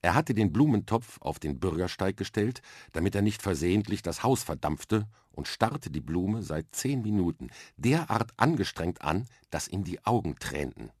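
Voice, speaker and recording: Man, story reader, lively and expressive, husky, lowish voice. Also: normal speed, few pauses, dry recording, clean studio sound. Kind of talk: children's story narration.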